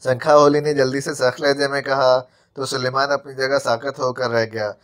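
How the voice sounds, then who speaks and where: A man's voice: mid-range voice, little pitch movement, a bit bright. Man narrating a suspense audiobook. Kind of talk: scripted narration.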